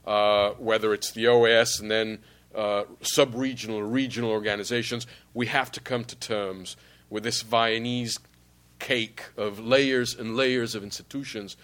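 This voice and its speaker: A man from Mexico speaking as an ambassador on a panel, giving formal policy remarks in measured, articulate, long sentences. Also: on the low side, fairly even intonation, fairly bright tone.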